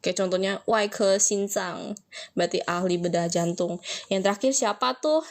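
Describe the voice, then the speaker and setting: Young woman, Mandarin tutor, casual chatty live lesson, slows for example phrases. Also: medium pitch.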